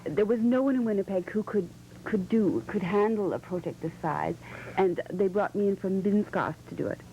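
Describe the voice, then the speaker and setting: A woman's voice: medium pitch, moderate pace, dark tone, highs cut off, slight background noise, lightly acted. A woman playing a self-important mural artist who answers in short, grand statements.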